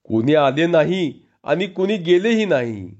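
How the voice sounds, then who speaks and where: A man giving an expressive scripted narration of a humorous village story, on a dull lo-fi recording. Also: fairly high pitch, a little slow.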